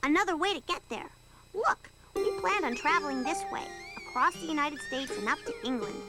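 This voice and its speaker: A woman's voice: sits high, expressive, a little fast, over loud music. A woman playing a clever, level-headed young adventurer who explains a route in a children's TV sketch. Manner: thoughtful, explaining.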